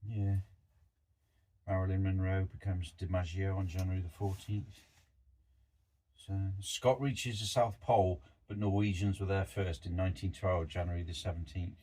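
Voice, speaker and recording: Husky low-voiced man, chatty. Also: flat delivery, normal speed, mellow, poor audio. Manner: reads out dates in a chatty, jokey way. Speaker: podcast co-host. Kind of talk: casual chat. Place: outdoors in the cold.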